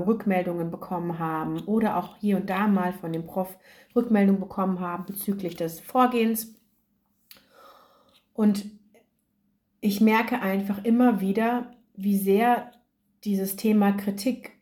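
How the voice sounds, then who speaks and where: An academic writing coach hosts a solo podcast, chatting casually and using lots of fillers. Her medium-pitched voice has a dark tone and a slightly hoarse throat.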